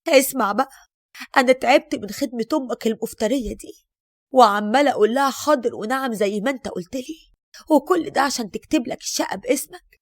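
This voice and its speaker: A woman's voice: fairly high pitch, fast, no room sound, studio quality. A woman voicing a spiteful Egyptian daughter-in-law. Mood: fed up. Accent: Egyptian Arabic. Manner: grumbling, spiteful complaints. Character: resentful young woman, scheming daughter-in-law.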